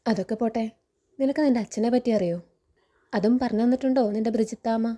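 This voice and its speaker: A woman's voice: on the high side, fast talker, warm tone, close to an everyday voice. A woman voicing a stern, betrayed middle-aged man who questions a young woman reproachfully, quoted in a story recap. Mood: stern, probing.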